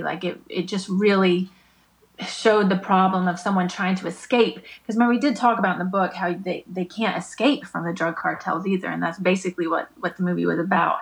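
A woman's voice: medium pitch, poor audio. Thoughtful woman guest on a video call. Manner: thoughtful, with halting restarts. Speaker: podcast guest. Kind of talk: casual chat.

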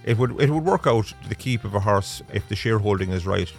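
A man's voice: lowish voice, animated, fairly quick, vocal fry, faint music behind. A man from Galway with a west of Ireland accent, chatting casually as a podcast guest who manages a racing syndicate. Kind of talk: casual interview chat.

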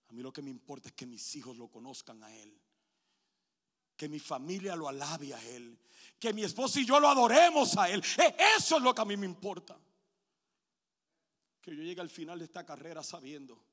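A woman preacher delivering an impassioned sermon, repeating words and swinging between shouts and hushed tones. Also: low-pitched. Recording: long reverb of a hall.

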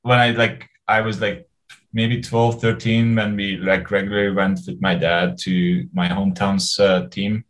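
A man in his forties from Hungary, speaking in a fairly low voice during a relaxed interview. He rambles with fillers and restarts and chuckles often. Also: measured pace, low-quality recording. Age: 40s. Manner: rambling, hesitant, laughs often. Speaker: interview guest. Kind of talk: casual conversational interview.

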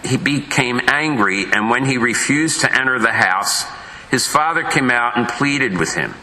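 A pastor reading a Gospel passage aloud at Mass in a measured, solemn way, his voice carrying with a big church echo. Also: mid-range voice, animated, bright, forceful tone, a little hiss or hum. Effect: big echoing church reverb. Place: large church. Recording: roomy echoing church sound.

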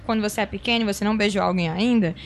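A woman in casual podcast chat, animated and opinionated. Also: mid-range voice, vocal fry, slight background noise. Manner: animated, fast-talking, opinionated.

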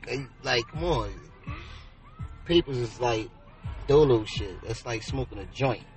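A man talking as a guest in a casual late-night chat, slow, blunt and profane. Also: medium pitch, recorded from a distance. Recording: off-mic with clear music behind.

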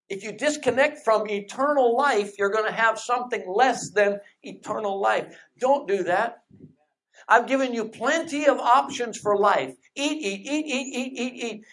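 A preacher delivering a sermon who repeats refrains and asks rhetorical questions, slows down to stretch key phrases, and drops into conversational asides. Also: mid-range voice, a bit bright.

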